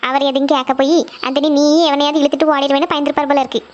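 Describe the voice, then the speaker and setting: A woman's voice: high voice, level tone, very fast, highs cut off, natural voice. A woman voicing a strict middle-aged mother, scolding and lecturing her daughter.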